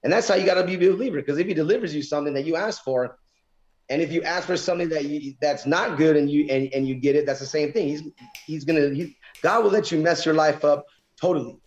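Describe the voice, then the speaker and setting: A man with an average-pitched voice talks casually and earnestly about belief. He drives points home by repeating phrases with emphasis. The audio is slightly dull and muffled. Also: fast talker, darkish tone. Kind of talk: casual religious conversation.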